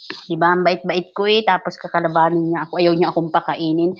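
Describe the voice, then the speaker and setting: Animated woman telling a story, lo-fi. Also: brisk. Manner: animated, acts out quoted lines in a higher voice, laughs often. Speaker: live stream guest telling a story. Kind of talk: casual storytelling chat. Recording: dull lo-fi live stream audio.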